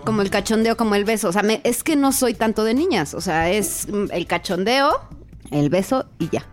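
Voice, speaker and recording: Giggly mexican woman cohosting a chat show, slangy and open, soft music under her. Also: mid-range voice, expressive, moderate pace. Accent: Mexican Spanish. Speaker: podcast co-host. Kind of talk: casual chat.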